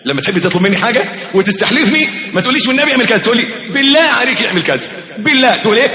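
A high-voiced man with an Egyptian accent preaches with wide, swooping intonation, firing questions at his listeners and answering them himself. The sound is dull and lo-fi, with a long reverb that suggests a large hall. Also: very fast, a crowd in the background. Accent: Egyptian Arabic. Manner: animated preaching with rhetorical questions and acted-out dialogues. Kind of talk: sermon.

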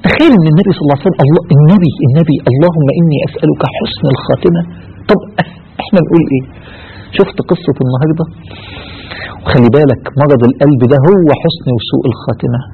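A man's voice: mid-range voice, husky, highs cut off. A man with an Egyptian accent preaching a sermon, telling stories with passion. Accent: Egyptian Arabic. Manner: impassioned storytelling.

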